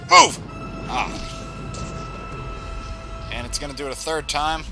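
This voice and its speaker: A man's voice: on the high side, fairly even intonation, a little slow. A man giving casual, reactive live commentary as he plays a video game, often exclaiming. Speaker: gamer doing a live playthrough. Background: video game music and sound.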